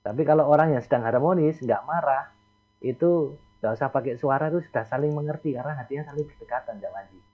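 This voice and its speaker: A man, a psychologist guest calmly explaining ideas on a call-in radio show, repeating his key points. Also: mid-range voice, fast talker. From East Java. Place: outdoors near a beach. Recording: tinny phone line.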